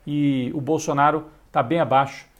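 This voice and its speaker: A man's voice: on the high side, steady tone, normal speed. A Brazilian man with a Brazilian Portuguese accent giving opinionated political news commentary, with sardonic asides.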